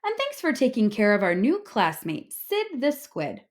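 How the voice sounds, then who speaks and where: A woman voicing a patient, firm female fish schoolteacher who instructs gently in a children's storybook. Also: a little high, huge pitch swings, a little slow. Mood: approving. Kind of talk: children's storybook read-aloud.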